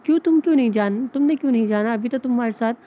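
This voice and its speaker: A woman's voice: fairly high pitch, racing, dark tone, natural voice. A woman reading as a reproachful proper young woman. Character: scolding, proper young sister.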